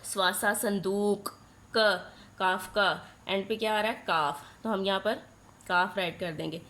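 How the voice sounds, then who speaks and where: Woman teacher sounding out letters slowly. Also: mid-range voice, steady tone, a bit bright. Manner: slowly spells out letters and sounds for young children; asks questions and answers them herself. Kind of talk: nursery class lesson.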